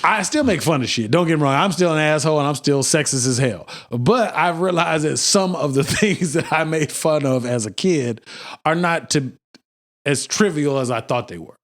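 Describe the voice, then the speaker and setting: Man, podcast co-host, casual chat, blunt and joking, swears freely, lively up-and-down voice. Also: a little high, normal speed.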